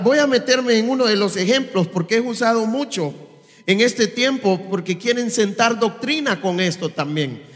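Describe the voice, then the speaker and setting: High-voiced preacher in a reverberant church. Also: male voice, fairly bright tone. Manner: quizzes the congregation with rhetorical questions. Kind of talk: sermon. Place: church service. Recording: long reverb of a church hall.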